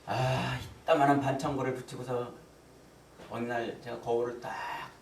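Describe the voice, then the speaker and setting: A male pastor preaching a sermon, telling a personal story with big swings between loud exclamations and hushed asides. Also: medium pitch, flat delivery, moderate pace, creaky, a little hiss or hum. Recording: echoey hall, voice from far off, faint ambience.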